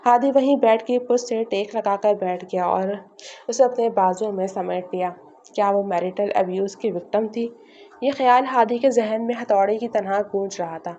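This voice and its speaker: A woman's voice: mid-range voice, mellow, a little hiss or hum. Woman narrating a romance novel. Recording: slightly muffled lo-fi recording.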